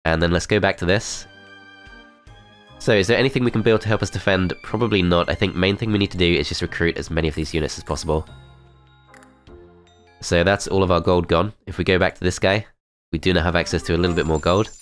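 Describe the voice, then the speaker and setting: Faint music plays as a low-pitched man with a cold narrates his strategy game moves for a let's play. His blocked nose makes him sound nasal and congested. Though he talks fast, he stays calm and methodical, thinking aloud.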